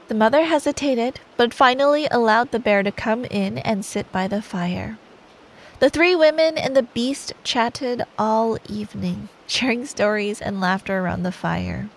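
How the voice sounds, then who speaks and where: An ASMR performer in the role of a girlfriend tells a bedtime story in an unhurried, high-leaning voice, sweet and playful as she takes her time. The low-quality recording has a soft rain sound effect faintly behind her.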